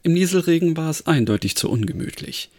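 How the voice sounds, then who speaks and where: A man, a podcast host, reading a crime story aloud with expressive storytelling. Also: fairly high pitch, quick pace.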